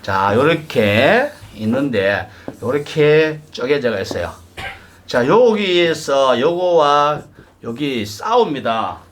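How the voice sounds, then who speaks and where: A man's voice: medium pitch, very animated, takes it slowly, echoey room, faint music behind. A middle-aged man, giving a live lecture to a class. He keeps putting questions to the class and acting out little voices. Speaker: saju lecturer. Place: lecture room with audience.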